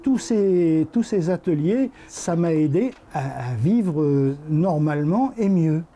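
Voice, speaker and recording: A man chatting in a relaxed, anecdotal way during a documentary interview about his eating habits. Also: a little high, slow. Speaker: hospital nutrition workshop participant.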